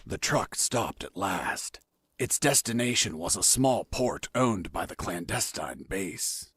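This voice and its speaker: Low, wry secret agent. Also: male voice, big pitch swings, takes it slowly, a bit bright, husky, heavily acted. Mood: tense, focused. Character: wry, cool-headed male secret agent on the run. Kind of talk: video game dialogue and narration. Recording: music behind.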